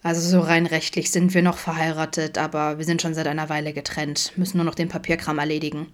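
A woman voicing a guarded, introverted middle-aged father who mumbles in a low, quiet way, in an audiobook. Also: level tone, fast, lightly acted.

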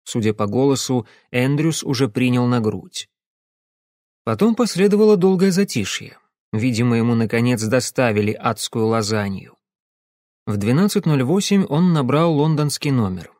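A man's voice: medium pitch, big pitch swings, normal speed, darkish tone, no room sound. A man narrating an audiobook in the first person, in a dry, understated way.

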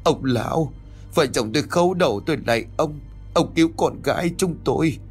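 A man voicing a frantic middle-aged village mother who stammers and pleads in a shrill voice. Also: a little fast, slightly rough, faint music behind. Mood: begging.

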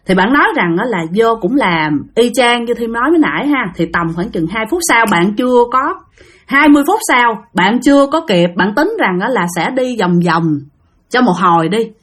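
Husky woman telling ghost stories. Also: a little high, lively intonation, normal speed. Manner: chatty, talks straight to listeners. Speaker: storyteller. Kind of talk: casual spoken ghost-story telling.

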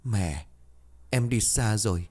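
A man doing a gentle, dutiful young son. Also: fairly low pitch, animated, slow pace. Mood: gentle sad. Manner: soft, respectful.

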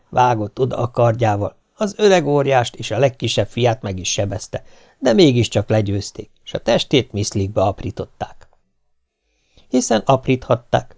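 Male audiobook reader for folk tales, animated and gravelly. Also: medium pitch. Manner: lively, expressive storytelling. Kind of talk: folk tale narration.

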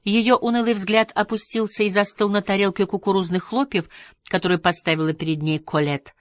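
A woman narrating an audiobook in an even, measured reading style. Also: mid-range voice, dry recording.

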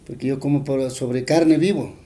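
A man's voice: mid-range voice, normal speed, dark tone. A man with a Bolivian Spanish accent, retelling a folk tale in an interview, rambling and full of fillers and tag questions.

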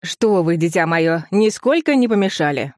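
A man reading an audiobook, voicing a calm, dignified older mother who speaks quietly and gently. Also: sits high, normal speed, dry recording, studio quality, pitched above the performer's own voice. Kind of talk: audiobook character voice.

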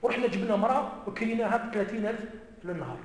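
A man's voice: high voice, very fast. A man with an Algerian Arabic accent, a native Amazigh speaker, giving an emphatic mosque lecture and repeating key phrases. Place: large mosque hall. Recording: echoey mosque hall, long reverb.

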